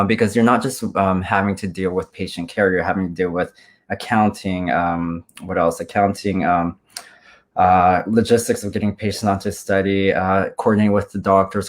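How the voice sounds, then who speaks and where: A man in his forties, a guest on a video-call interview, talking casually with many ums and restarts. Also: low voice. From Canada. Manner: hesitant, many ums and self-corrections.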